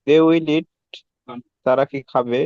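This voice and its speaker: Slow, halting man on lo-fi audio. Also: mid-range voice, fairly even intonation, darkish tone, no room sound. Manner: halting, repeats each sentence. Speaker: student. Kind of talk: reading practice sentences aloud.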